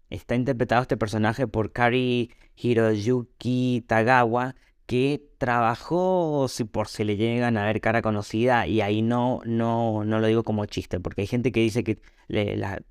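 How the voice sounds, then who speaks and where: A man's voice: mid-range voice, clear, resonant tone, dry recording, studio quality. A man hosting a podcast, giving a casual, opinionated review with critical asides. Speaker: podcast host.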